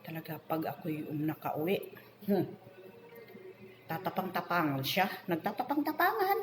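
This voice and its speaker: A woman's voice: low voice, unhurried, echoey room, noisy background. A middle-aged woman working as a domestic helper, telling an aggrieved story about a coworker in a venting monologue.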